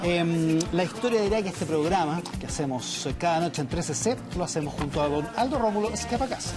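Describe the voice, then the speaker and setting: A man's voice: a little high, lively intonation, fairly quick, over music. A man co-hosting a late-night TV talk show, introducing guests with dry, wry quips.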